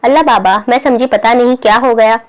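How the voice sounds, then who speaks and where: Read by a woman, a cheeky young girl with a sharp tongue, talking fast and pleading one moment and teasing the next. Her voice sits a little high. It comes from a storybook reading. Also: fairly even intonation, close to an everyday voice. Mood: pleading, sassy.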